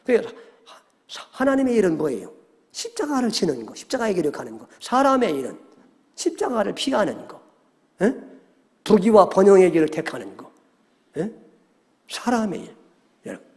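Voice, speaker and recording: A male pastor preaching a Sunday sermon, animated, often checking in with the congregation and acting out quoted voices. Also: sits high, moderate pace, long pauses. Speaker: senior pastor. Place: church sanctuary. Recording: long church hall reverb.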